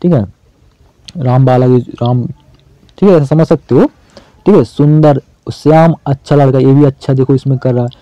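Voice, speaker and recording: A man's voice: medium pitch, moderate pace, mellow, no room sound, rough recording. A man teaching an exam-prep lesson in a casual, chatty way, asking questions and answering them himself.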